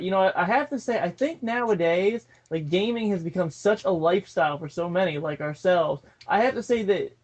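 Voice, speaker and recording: Man, high-pitched, loose rambling chat, podcast co-host. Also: dull audio. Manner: rambling, loose, many fillers. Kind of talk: casual chat.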